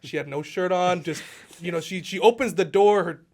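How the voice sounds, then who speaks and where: A man who is a guest on a real estate podcast, telling stories in a casual, animated way and acting out the people he quotes. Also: high-pitched, normal speed. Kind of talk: casual storytelling.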